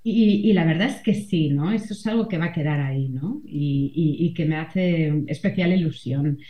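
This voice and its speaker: A woman's voice: deep voice, normal speed, dark tone. A middle-aged woman, a columnist and mother, talking reflectively in an interview and often adding tag questions. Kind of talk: conversational interview. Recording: roomy, slightly dull sound.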